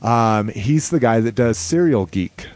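A man's voice: mid-range voice, animated, a little slow, darkish tone. A man hosting a podcast with casual, rambling, informal fan talk. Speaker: podcast host.

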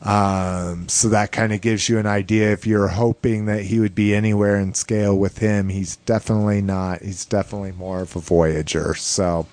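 A man's voice: on the low side, level tone, normal speed, few pauses, a little mellow, no room sound. A man hosting a casual, informal chat show, talking loosely and with some swearing. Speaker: podcast host. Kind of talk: casual toy news chat.

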